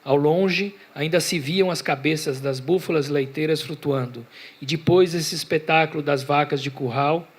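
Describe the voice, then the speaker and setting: A man, an author on a festival panel, reading his own short story aloud in a measured, deliberate way before an audience. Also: on the high side, husky.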